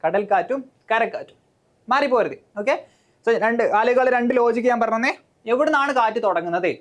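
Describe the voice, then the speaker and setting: A woman with a Malayali accent teaches exam preparation in a fairly high, animated voice at a brisk pace. She mixes English terms into her Malayalam and walks through each step, peppering it with "okay" and questions for the class.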